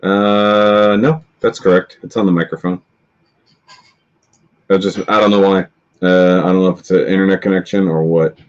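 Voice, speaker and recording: Low-voiced man, distorted tinny stream audio. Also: flat delivery, moderate pace. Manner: rambling, self-correcting about tech trouble. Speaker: live stream host. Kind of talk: casual live stream chat.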